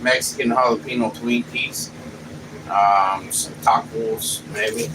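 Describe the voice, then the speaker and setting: A man's voice: medium pitch, fairly even intonation. Easygoing man, distant mic. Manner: easygoing, folksy, drawn-out. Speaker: channel co-host, the family's dad. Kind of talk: casual family livestream chat. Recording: distant mic in a noisy room.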